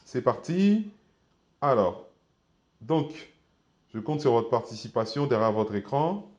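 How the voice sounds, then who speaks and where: A man teaching an online language lesson, patient, repeating each word slowly with careful tones. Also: mid-range voice, sing-song, a little mellow. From Côte d'Ivoire.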